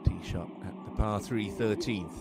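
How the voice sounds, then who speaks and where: A man working as a golf commentator, giving measured live play-by-play with short observations on each shot. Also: fairly low pitch. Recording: loud ambient noise throughout.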